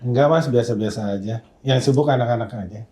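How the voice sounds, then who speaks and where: A man from Indonesia, a film sound mixer guest, answering modestly and softly, often clearing his throat. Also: medium pitch, fast talker. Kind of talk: casual interview chat.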